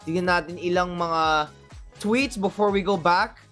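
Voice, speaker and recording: A Filipino co-host chatting playfully in a mix of Tagalog and English, now and then bursting into loud laughter. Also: medium pitch, unhurried, soft background music. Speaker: online show co-host. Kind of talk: lively chat mixing Tagalog and English.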